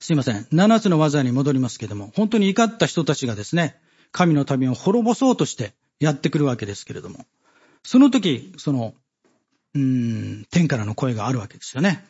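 Male preacher, fairly high husky voice, measured Bible study delivery, dull lo-fi recording. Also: sing-song, a little mellow. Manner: measured, with many fillers and pauses, reading scripture aloud.

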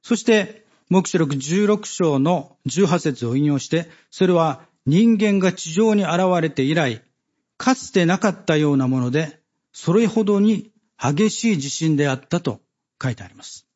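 A man giving a Bible study sermon, measured and halting with many fillers, reading scripture passages aloud. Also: on the high side, expressive, a little mellow, lo-fi sound. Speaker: preacher.

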